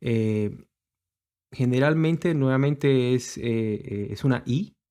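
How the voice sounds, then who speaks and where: A man delivers a teaching sermon at an ordinary middle pitch. He explains patiently and halts often, restarting his phrases as he works through his slides. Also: takes it slowly, warm tone, clean tone. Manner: hesitant, many fillers and restarts, explanatory. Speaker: congregation teacher.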